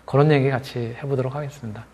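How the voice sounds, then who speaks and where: A man's voice: mid-range voice, steady tone, a little mellow, husky. Polite man wrapping up a lecture. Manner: measured, polite, with filler "어" and "네". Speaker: university lecturer. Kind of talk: classroom lecture wrap-up. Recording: lecture hall reverb.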